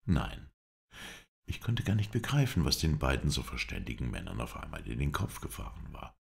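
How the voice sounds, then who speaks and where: Deep, gravelly man reading an audiobook. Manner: measured, expressive storytelling. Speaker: audiobook reader. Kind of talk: audiobook narration of an adventure novel.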